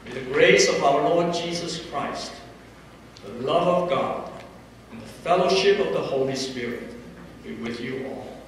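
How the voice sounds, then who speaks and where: A man's voice: a little high, measured pace. A man giving a solemn closing blessing as a pastor in a large church hall. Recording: echoey reverberant hall from far off, faint noise.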